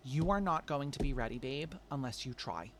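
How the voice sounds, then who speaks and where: Man, tarot reader, casual coaxing chat, medium pitch, faint background noise. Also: a little fast, a bit bright. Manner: chatty, coaxing, calls listeners babe. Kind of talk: tarot reading monologue.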